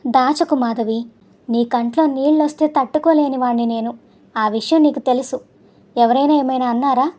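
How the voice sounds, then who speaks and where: A woman voicing a gentle middle-aged husband who speaks softly and steadily to his upset wife in a storybook reading. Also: high-pitched, moderate pace, close to an everyday voice. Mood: concerned. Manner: soft, soothing, steady.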